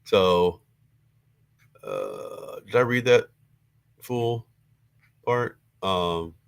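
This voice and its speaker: A man hosting a livestream, reading news articles aloud in a hesitant way, with many fillers and pauses, into his computer's built-in mic. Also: sits low, huge pitch swings, vocal fry, clear, resonant tone.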